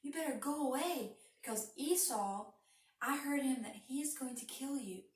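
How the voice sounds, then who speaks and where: A woman's voice: high-pitched, moderate pace, lightly acted. A woman voicing a worried mother urgently warning her son in a children's story. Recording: roomy, from a distance.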